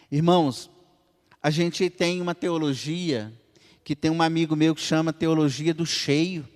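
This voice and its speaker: A male pastor from Minas Gerais, Brazil, preaching a sermon with a Brazilian Portuguese accent, swinging between loud high exclamations and low quiet asides as he acts out dialogues. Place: church hall. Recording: long church reverb.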